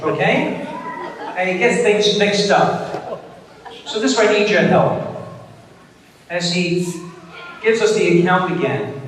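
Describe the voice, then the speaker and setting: Brief: high-voiced man, lively church priest rallying kids, heard from afar in a reverberant hall. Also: slight background noise. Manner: animated, coaxing a congregation to shout back. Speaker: priest introducing a children's homily. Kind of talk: playful sermon to children. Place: church during Mass. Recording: distant voice in an echoey church.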